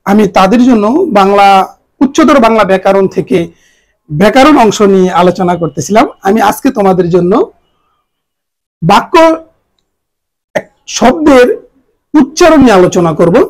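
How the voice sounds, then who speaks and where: A man teaching a grammar lesson to students, spelling out the pronunciation of words slowly, letter by letter. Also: high-pitched, lively intonation, poor audio. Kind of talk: exam-prep grammar lesson.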